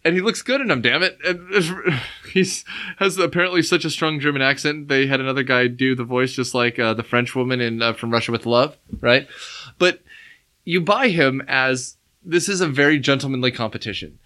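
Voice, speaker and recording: A man talks through a film scene with real enthusiasm, circling back and restarting his sentences as he goes. His voice is bright and forceful, with an easy, casual podcast feel. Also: mid-range voice, normal speed. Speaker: podcast co-host.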